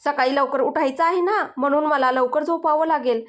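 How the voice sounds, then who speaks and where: A woman's voice: sits high, natural voice. A woman voicing a flustered young wife who pleads and protests in a storybook. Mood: flustered pleading. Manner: pleading, sulky, quick to protest. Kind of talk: storybook dialogue.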